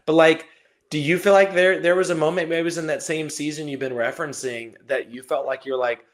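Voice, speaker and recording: A man's voice: fairly high pitch, fairly even intonation, brisk. A man hosting a podcast, asking long searching questions full of fillers. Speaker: podcast host. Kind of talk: casual interview.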